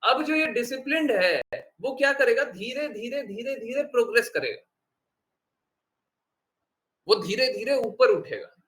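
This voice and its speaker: A man's voice: extremely high pitch, lively intonation, measured pace, pauses often, fairly bright tone, rough recording. A man giving an earnest devotional discourse as a spiritual teacher, asking his listeners rhetorical questions and mixing English words into his speech.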